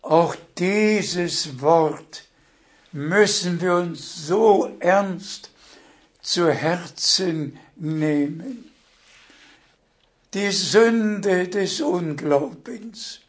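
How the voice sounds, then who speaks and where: A man delivers a sermon in a high voice, pressing each point with grave emphasis. He speaks very slowly, with long pauses between short phrases. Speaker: preacher.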